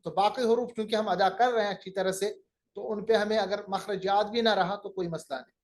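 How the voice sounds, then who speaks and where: A man teaching Quranic recitation in a recorded lecture, explaining each sound step by step and demonstrating it slowly. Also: high voice, fairly even intonation.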